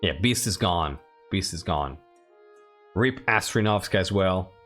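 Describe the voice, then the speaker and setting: A man's voice: low voice, lively intonation, measured pace, fairly bright tone, soft background music. A man playing a game, casually commenting and reading game text aloud, often repeating his phrases. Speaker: game player and host commenting while playing.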